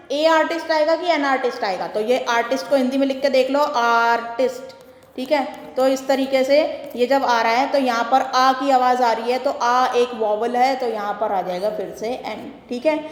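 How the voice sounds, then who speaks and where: A woman from Delhi teaching a worksheet lesson, patiently explaining and reading example sentences slowly, word by word. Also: high-pitched. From Delhi, India. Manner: patient, repeats and checks understanding. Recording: roomy echo with long reverb.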